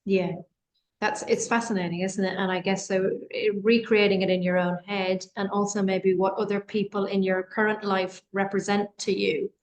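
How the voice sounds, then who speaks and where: A woman's voice: medium pitch, flat delivery, normal speed. A woman moderating a webinar discussion, thinking aloud in a reflective, conversational way and often adding tag questions.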